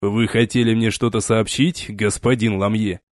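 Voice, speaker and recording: A man voicing a stern, weary starship captain who gives slow, measured commands in an audiobook. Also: fairly low pitch, flat delivery, no room sound, clean studio sound, natural voice. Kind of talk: audiobook character reading.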